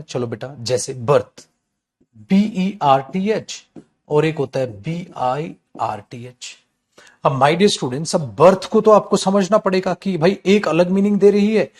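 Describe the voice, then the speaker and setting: A man lectures a class on English words. He speaks in a lively, animated way and repeats key points again and again. His voice sits a little high for a man. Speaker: English teacher.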